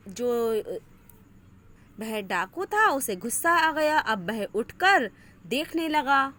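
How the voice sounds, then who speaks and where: A woman from India narrating a children's story in a gentle, expressive way. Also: a little high. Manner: gentle, expressive, slow telling.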